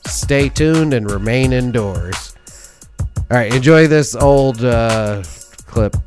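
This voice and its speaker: A man hosts a casual sports podcast, talking solo in a slow, medium-pitched voice with a darkish tone. He rambles and jokes, frequently correcting himself mid-sentence, and faint music plays behind him.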